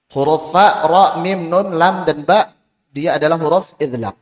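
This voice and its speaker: A man with a fairly high voice teaches Quran pronunciation, sounding out letters one by one and prompting his class to repeat. His voice rings with the long reverb of a large hall. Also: unhurried. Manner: drills letter sounds aloud, asks students to repeat. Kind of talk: tajwid lesson.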